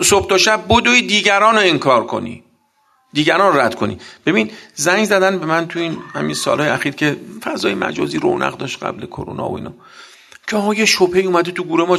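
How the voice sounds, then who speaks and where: A man delivers a sermon in a gravelly, slightly raised voice. He talks bluntly and combatively, weaving in anecdotes and acting out both sides of the exchanges. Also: fairly high pitch, a bit bright. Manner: blunt, combative storytelling with acted dialogue.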